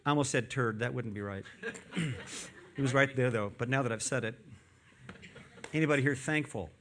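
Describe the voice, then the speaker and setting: A man preaching a sermon in church, animated and playful, quizzing the congregation with questions and tossing in joking asides. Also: medium pitch, normal speed, a little hiss or hum. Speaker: pastor. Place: church with a screen behind him.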